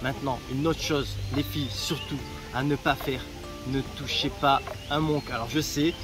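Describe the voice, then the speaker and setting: A man's voice: mid-range voice, steady tone, normal speed, music in the background. A man giving casual travel advice in a vlog, chatty and direct with joking asides, recorded outdoors in a town. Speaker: travel vlogger.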